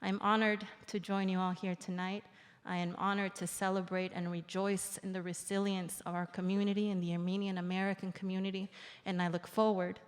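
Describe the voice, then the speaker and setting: In a large indoor theater, with the hall's reverberation audible, a woman in her forties who comes from El Salvador speaks formally as an invited guest at a public event. Her delivery is flat and her mid-range voice clean in tone, yet the speech is earnest and reflective, and she slows down to emphasize points.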